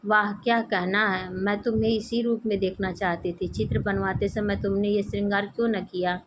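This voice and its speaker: A watchful, gentle woman friend from a stage play, as a woman reads her aloud. She asks soft questions in a plain, mid-pitched voice. There is no put-on character voice. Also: flat delivery, normal speed, noisy background, natural voice. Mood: concerned.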